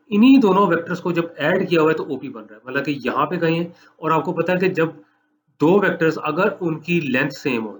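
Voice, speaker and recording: A man giving a recorded mathematics lecture, walking students through each step, repeating points and dictating slowly for notes. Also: on the high side, a little hiss or hum. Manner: explanatory, repeats steps, dictates slowly for note-taking. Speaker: math lecturer.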